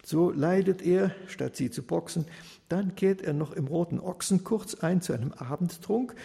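A man telling a story in rhyming verse with a lively, rhythmic delivery. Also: sits high, normal speed, vocal fry, big-room sound.

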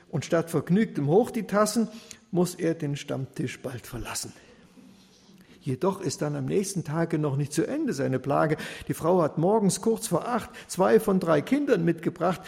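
Man, rhymed verse storytelling, gravelly, slightly high, long hall reverb. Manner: lively, rhythmic verse reading.

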